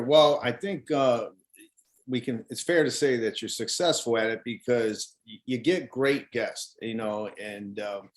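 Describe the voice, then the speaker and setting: A man hosts a casual interview, speaking in a friendly, rambling way. He pads his questions with uhs and you-knows. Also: mid-range voice. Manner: friendly, chatty, many uhs. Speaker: interview host.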